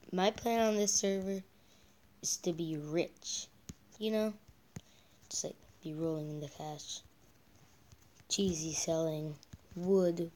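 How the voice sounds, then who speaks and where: A man's voice: high-pitched, a little mellow. A male gameplay vlogger chatting casually while he builds, often muttering and half-whispering as he counts blocks under his breath, with rambling asides.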